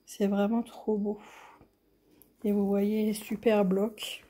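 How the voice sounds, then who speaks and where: A woman's voice: medium pitch, level tone, slow pace, warm tone, a little hiss or hum. A French-accented woman chatting casually as she unboxes a craft kit, enthusiastic and often dropping to a near whisper. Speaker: craft vlogger.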